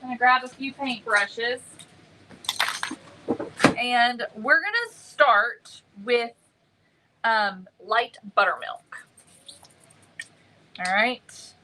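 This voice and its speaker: A woman hosting a casual craft livestream, greeting viewers by name and filling pauses with many ums. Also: on the high side, pushed and bright, slight background noise, low-quality recording.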